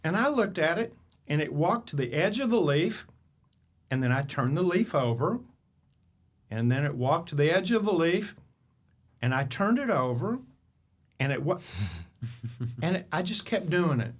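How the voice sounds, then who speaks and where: A man hosting a motivational podcast, his voice sitting a little higher than most men's. He tells personal stories with emphasis and keeps firing rhetorical questions at the listener. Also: sing-song, a little slow, long pauses, slightly rough. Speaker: podcast host. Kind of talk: motivational storytelling.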